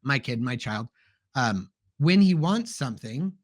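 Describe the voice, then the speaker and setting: A man's voice: mid-range voice, big pitch swings, measured pace. Middle-aged man telling parenting stories. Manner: storytelling, acting out family dialogue. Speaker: podcast co-host. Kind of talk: casual podcast chat.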